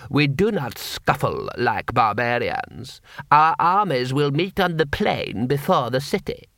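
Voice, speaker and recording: A man's voice: medium pitch, big pitch swings, unhurried, vocal fry, a bit bright, dry recording, studio quality, full character voice. A man voicing a proud, disdainful male warlord with a stiff delivery.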